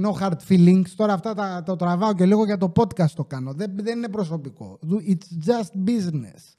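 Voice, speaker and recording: A man hosting a podcast, telling comic stories in a casual, animated way, acting out what customers said and swearing freely. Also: high voice. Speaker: podcast host.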